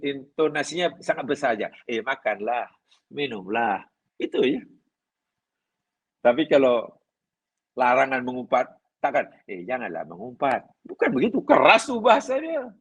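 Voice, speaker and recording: A man's voice: medium pitch, husky, low-quality recording. A middle-aged man, a religious teacher giving a conversational classroom lecture on hadith and illustrating points with everyday examples. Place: class at an Islamic study centre.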